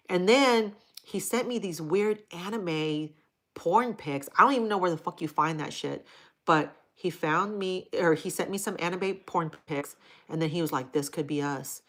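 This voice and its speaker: A woman's voice: on the low side, normal speed, fairly bright tone. A woman from Hawaii hosting a live stream, reading viewer comments aloud and answering them in a blunt, crude, casual way. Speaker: livestream host answering chat.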